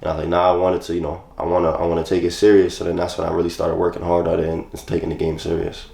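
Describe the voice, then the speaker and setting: In an echoey room, a young man from New York races along in a low voice with vocal fry. He's in his twenties, a relaxed interview guest casually recounting his past, with plenty of "like" fillers.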